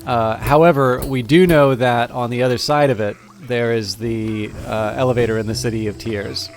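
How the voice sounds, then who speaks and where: A man's voice: medium pitch, fairly even intonation, moderate pace, a little hiss or hum. A man streaming a game with casual live commentary, rambling and thinking aloud.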